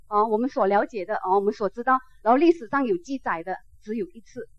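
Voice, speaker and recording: A woman's voice: medium pitch, quick pace, dry recording. A woman teaching a class on Buddhism. She talks conversationally, with many filler sounds, and keeps checking whether her listeners understand. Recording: dull, dry lo-fi recording.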